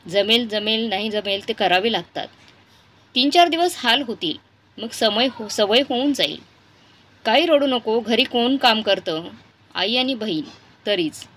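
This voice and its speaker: A woman's voice: on the high side, expressive, unhurried, fairly bright tone. A woman voicing a kindly shop worker. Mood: comforting.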